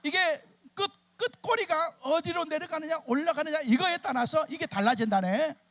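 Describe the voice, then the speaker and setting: A middle-aged male pastor telling chatty, animated stories in a sermon and acting out his church members' lines. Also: very high voice, normal speed. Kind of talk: humorous storytelling sermon. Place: church sanctuary at a summer revival meeting.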